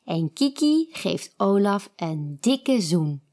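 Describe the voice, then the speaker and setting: A woman reading a children's story aloud, slow and expressive. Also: medium pitch.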